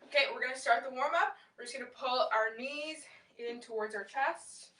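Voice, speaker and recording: Bright, echoey woman fitness instructor. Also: high-pitched, normal speed. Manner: encouraging, instructional cueing while exercising. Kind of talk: live home workout class instruction, counting reps. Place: small room at home, indoors. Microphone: far camera across the room. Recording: roomy echo, distant camera mic.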